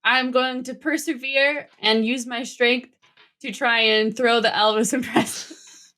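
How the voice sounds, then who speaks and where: A woman playing a tabletop game, hesitant and pausing often. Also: fairly high pitch, steady tone, pushed and bright. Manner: hesitant, lots of ums. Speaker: player. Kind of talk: casual tabletop play.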